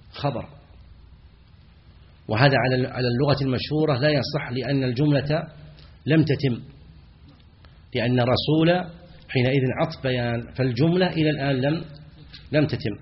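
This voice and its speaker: A man teaching as a sheikh in a lecture. He asks his students questions and answers them himself, and he chants the example phrases slowly. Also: medium pitch, highs cut off, a little hiss or hum. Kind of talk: classroom lecture on errors in the call to prayer.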